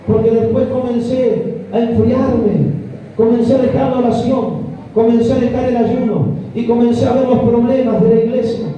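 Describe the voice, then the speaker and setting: A man with an Argentine accent delivers a fervent sermon, his voice pitched very high and held to a narrow, steady range. He is heard from a distance across a booming church hall, and the recording sounds dull and muffled. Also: moderate pace, slight background noise. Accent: Argentine Spanish. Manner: fervent, repetitive address to the congregation. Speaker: pastor. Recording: echoey hall from far off, dull.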